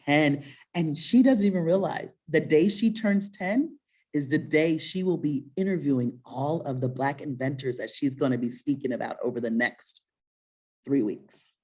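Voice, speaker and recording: A woman with a deep voice co-hosts a children's story webinar, speaking at a moderate pace. She chats casually, warm and encouraging with a motivational edge, and often checks in with questions.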